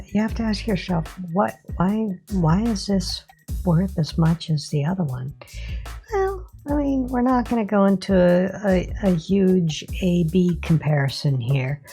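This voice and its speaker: Woman reviewer, voice-modulator filter, low and unhurried, halting filler-heavy delivery. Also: warm tone. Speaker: product reviewer. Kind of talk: casual product review.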